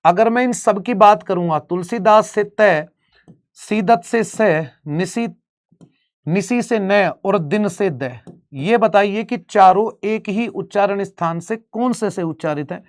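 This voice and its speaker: Guy from bihar teaching grammar, high voice, keeps asking the class questions. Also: slow. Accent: Bihari Hindi. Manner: explains step by step, asks students rhetorical questions. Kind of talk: exam-prep grammar lesson.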